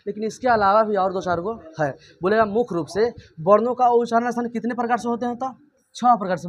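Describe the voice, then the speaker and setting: A man's voice: high-pitched, lo-fi sound. A man teaching a grammar lesson. He keeps asking and answering his own questions and repeats every point.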